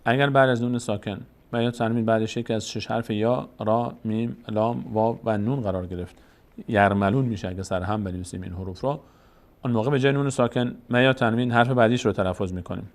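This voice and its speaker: With a lowish voice, this native Tajik speaker walks through the rules of Quran recitation step by step. After explaining every rule, he slowly chants verses to illustrate it.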